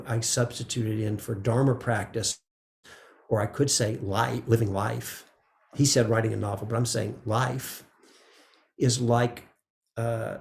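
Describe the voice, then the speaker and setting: A man teaching meditation in a relaxed, conversational dharma talk, often checking in with "right?". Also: medium pitch, gravelly, reverberant. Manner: gentle, conversational, frequent "right?" asides.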